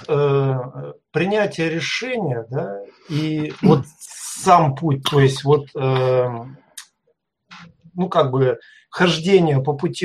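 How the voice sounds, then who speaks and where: Мужчина с сиплым, чуть высоким голосом сбивчиво задаёт вопрос в прямом эфире, долго подбирая слова. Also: male voice, on the high side, breathy edge. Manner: hesitant, searching for words. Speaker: viewer asking questions. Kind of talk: asking questions on a live call.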